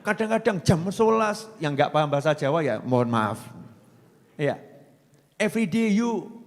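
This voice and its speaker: A man's voice: a little high, big pitch swings, moderate pace. A man preaching a folksy, joking sermon, often putting questions to his audience. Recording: long reverb from a hall.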